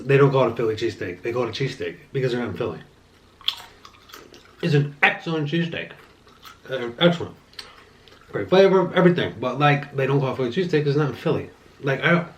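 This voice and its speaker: A man's voice: medium pitch, fast talker, pauses often. A young man hosting his own channel, chatting casually between bites as he reviews a movie, rambling and restarting his sentences. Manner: rambling, relaxed, with frequent restarts and "like" fillers. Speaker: channel host reviewing movies while eating. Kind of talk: casual mukbang chat.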